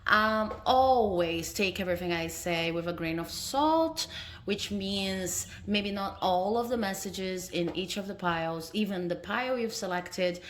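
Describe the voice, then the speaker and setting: A Brazilian woman with a Brazilian Portuguese accent, a tarot reader, chats casually to camera for her viewers, recorded on a phone indoors. Her mid-range voice is a bit bright and measured in pace. She's friendly, laughs between phrases, and keeps tagging sentences with "okay?"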